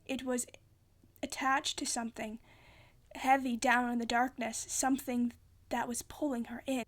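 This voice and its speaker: A woman with a high voice narrates a story as an amateur reader. Her delivery is theatrical and dramatic, and she often trips and rereads a phrase. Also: flat delivery, a little slow.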